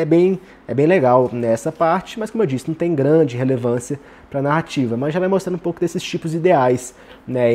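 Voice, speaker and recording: A man with a Brazilian Portuguese accent talks through a novel chapter in an easy, conversational way. He ends almost every phrase with a questioning "né". His voice is warm and mellow, neither high nor low. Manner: tags nearly every phrase with "né". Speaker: literary commentator and reader. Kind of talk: casual spoken literary commentary.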